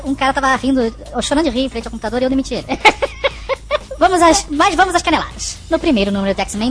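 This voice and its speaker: A squeaky chipmunk host, rattling along at a frantic clip. He mocks the listener emails he reads with dry sarcasm. A faint bed of music hums behind him. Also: fairly bright tone. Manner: sarcastic, mocking. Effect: voice sped up like fast-forwarded tape.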